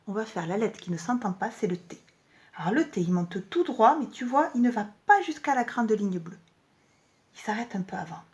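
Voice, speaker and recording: A woman teaching young children in a lesson video, talking slowly and articulating each sound clearly, with an encouraging manner. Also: mid-range voice, a little mellow.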